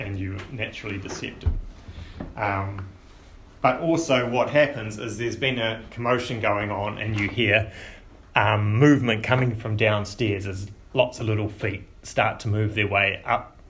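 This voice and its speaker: A man narrating as game master of a tabletop game, relaxed and rambling with many fillers. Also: lowish voice. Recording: echoey room with faint hiss.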